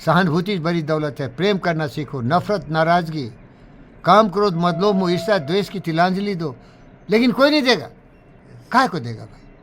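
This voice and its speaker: A man's voice: high-pitched, expressive, normal speed, a little hiss or hum. A man telling stories from his life in a rambling, emotional monologue, sprinkled with curses. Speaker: speaker recounting his life. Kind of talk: animated storytelling monologue.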